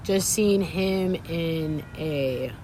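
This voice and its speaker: Her voice is low and dark, and she speaks extremely slowly over slight background noise on a low-quality recording. She is a young adult DJ from Sacramento, California, a guest chatting casually in an interview with slangy, easygoing talk and ready laughter.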